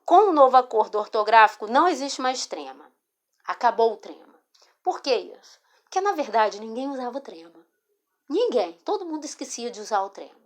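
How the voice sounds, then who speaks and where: A Brazilian woman with a fairly high, widely swinging voice patiently teaches a spelling lesson over a screen recording. She speaks slowly, repeats words, and keeps checking in with her students by asking "tá?". It sounds captured on a phone or screen recorder mic.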